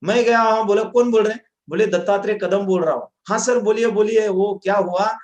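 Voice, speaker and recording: A man's voice: high-pitched, fairly even intonation, fairly quick, darkish tone, reverberant, highs cut off. A man telling his own story as a motivational testimonial, acting out the dialogue. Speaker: direct selling distributor.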